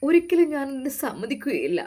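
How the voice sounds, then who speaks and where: A woman's voice: high-pitched, very animated, brisk, dark tone. A woman voicing a young wife, tearful and defiant, refusing in raised, emphatic lines.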